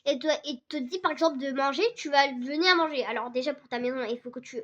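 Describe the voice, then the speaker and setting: A young woman with a sore, hoarse throat, rambling excitedly in casual game commentary for her channel. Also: high-pitched, fast. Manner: rambling, excitable, many restarts and fillers. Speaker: gaming channel host. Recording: dull lo-fi recording.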